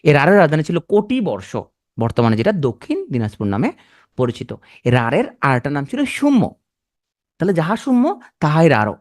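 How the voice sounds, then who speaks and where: A man teaching an exam prep class, talking quickly and repeating key points for his students. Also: fairly high pitch, very animated. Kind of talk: classroom lecture.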